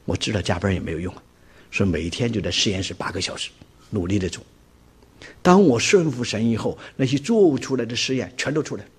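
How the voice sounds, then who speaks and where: A husky man, a preacher, giving an animated personal testimony and acting out the dialogue he quotes. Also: lowish voice, fast talker. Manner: vivid storyteller who acts out quoted dialogue.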